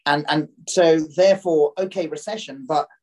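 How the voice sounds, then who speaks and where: A man with a croaky, coughy throat giving conversational market commentary as a podcast guest, often doubling back and repeating phrases. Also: on the high side, steady tone, moderate pace, a little mellow.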